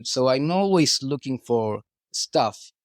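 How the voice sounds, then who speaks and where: A middle-aged Argentine man, a guest artist whose first language is Spanish, chats loosely in an interview with an Argentine Spanish accent. His medium-pitched voice is animated and slow, he restarts phrases and says "you know" a lot, and the studio sound is clean with no echo.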